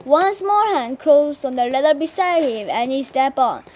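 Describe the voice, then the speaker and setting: A woman reading an English children's book aloud, careful and halting with frequent restarts. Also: sits high, expressive, a little mellow. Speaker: channel host reading aloud.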